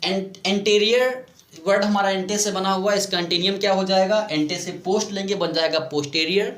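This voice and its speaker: This high-pitched, slightly bright male teacher goes over English vocabulary in a blend of Hindi and English, taking it slowly, repeating words and quizzing his students. The room is echoey.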